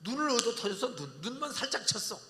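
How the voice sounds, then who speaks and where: Give me an older male pastor with a high, forceful voice, preaching a revival sermon with blunt, joking asides and shouted bursts. He leads the congregation in call-and-response. His voice rings out through a large sanctuary with a long reverb tail. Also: sing-song, fast, slight background noise. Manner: blunt colloquial banter with sudden shouted peaks. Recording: long church hall reverb.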